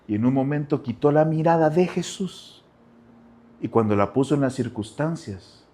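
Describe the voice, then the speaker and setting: A male pastor delivers a sermon, addressing the congregation directly and repeating phrases. He sinks into quiet, low asides and then climbs to loud cries.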